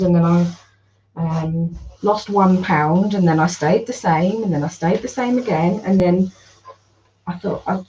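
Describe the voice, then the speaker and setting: A woman with a Geordie accent, slightly croaky, chatting in a rambling casual way while she irons during a livestream at home, greeting viewers by name. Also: on the low side, a little mellow, muffled recording, slight background noise. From North East England. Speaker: livestream host and online seller.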